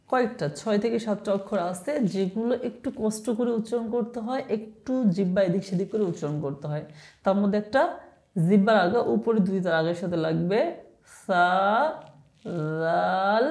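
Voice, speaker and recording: Slowly and patiently, a medium-pitched woman with a somewhat dark tone models each Arabic letter for an online Quran class, frequently checking in with the listener. The recording has an echoey room sound.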